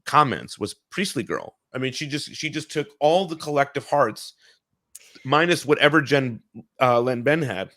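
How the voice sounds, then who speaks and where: A man's voice: mid-range voice, animated, normal speed, a bit bright, dry recording, studio quality. A man hosting a casual podcast, loose and joking, casually swearing and trailing off mid-sentence. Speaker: podcast host.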